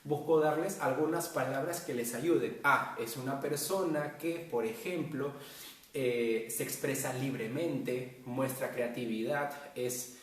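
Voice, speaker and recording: A man's voice: medium pitch, measured pace, far from the mic. A male teacher giving a virtual class to secondary students, explaining casually with many fillers and tag questions. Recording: roomy echo, voice from off-mic.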